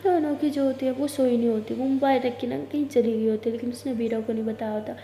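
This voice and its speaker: A woman's voice: fairly high pitch, steady tone, fast talker, dark tone. A woman telling a casual love story in a chatty way, voicing both characters herself. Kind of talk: casual Hindi audio story narration. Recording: echoey room with long reverb.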